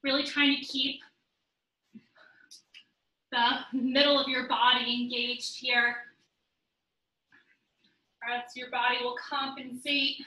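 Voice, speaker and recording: Bright high-voiced woman leading a workout. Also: slow, long pauses. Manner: steady counting cues, instructive while exercising. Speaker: fitness instructor. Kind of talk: guided workout class. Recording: roomy sound, distant from the mic.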